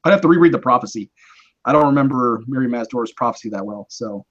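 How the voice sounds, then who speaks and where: A man's voice: mid-range voice, expressive, quick pace, a bit bright, lo-fi sound. A man hosting a casual live-stream chat, explaining his views in a rambling, conversational way with many restarts. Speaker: host.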